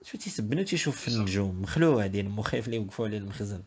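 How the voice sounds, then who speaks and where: Fast crude-mouthed Moroccan streamer man. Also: lowish voice, animated, a loud crowd. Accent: Moroccan Arabic. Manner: crude, mocking, rapid-fire. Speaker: online prank streamer. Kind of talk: insulting comic banter with strangers.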